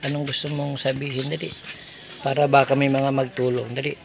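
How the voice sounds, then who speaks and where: A man's voice: mid-range voice, little pitch movement, fairly quick, gravelly, noisy background. A man filming a casual vlog, coaxing children to speak with short repeated prompts. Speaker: vlogger visiting a needy family.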